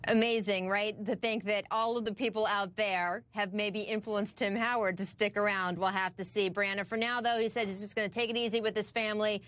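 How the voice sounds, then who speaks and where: A woman's voice: medium pitch, steady tone, fairly quick, hardly any pauses, a bit bright, no room sound. A woman with an American accent reporting sports on the news in an enthusiastic, emphatic, conversational way. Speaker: sports correspondent on a news broadcast.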